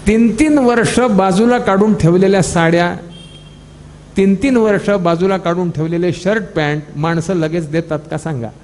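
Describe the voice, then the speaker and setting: A man with a Marathi accent gives a devotional discourse with a bright, high voice. He tells an old parable, acting out each character's lines in lively quoted dialogue. His words ring with the long echo of a large hall. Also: normal speed, slight background noise. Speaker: scripture discourse speaker.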